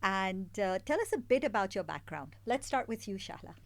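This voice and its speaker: A woman's voice: medium pitch, very animated, normal speed, creaky. A woman hosting an art podcast in casual, upbeat interview chat, laughing easily with her guests. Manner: warm, upbeat, laughs often. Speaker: podcast host.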